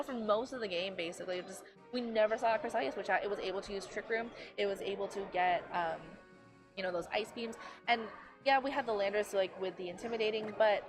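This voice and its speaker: An esports commentator, a woman with a medium-pitched voice, gives live play-by-play of a game. She sounds tired and is losing her voice, talking chattily with lots of filler and quick self-corrections.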